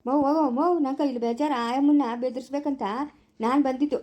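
A woman's voice: high voice, steady tone, fast, dark tone, close to an everyday voice. A woman playing a stubborn young male farmer and father in a rural family drama. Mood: insistent.

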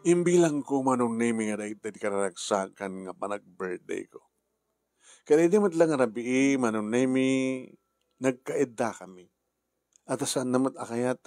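A man's voice: medium pitch, darkish tone, natural voice. A man speaking heartfelt family drama dialogue.

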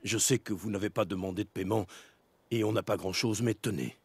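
A man's voice: on the low side, a little fast, creaky, darkish tone, husky, no echo. An actor voicing a worried middle-aged father in a video game, anxious and pleading. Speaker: game character.

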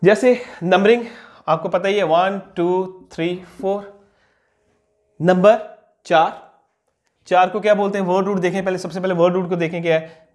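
A high-pitched young man teaches a chemistry class at the board. He asks questions and answers them himself, repeating each key term slowly so it sticks. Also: steady tone. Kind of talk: classroom lecture explaining on a board.

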